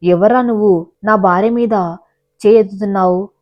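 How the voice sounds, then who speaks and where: A woman's voice: medium pitch, steady tone, moderate pace, dry recording, muffled recording, natural voice. Woman reading as a fiercely protective young husband. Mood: angry warning. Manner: fierce and warning.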